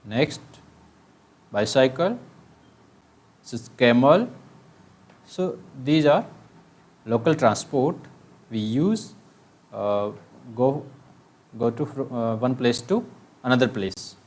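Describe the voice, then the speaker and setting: A man, a primary school teacher explaining a textbook story to children in a slow, halting way with many fillers, reading aloud and imitating bird calls. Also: medium pitch, lively intonation, a little mellow.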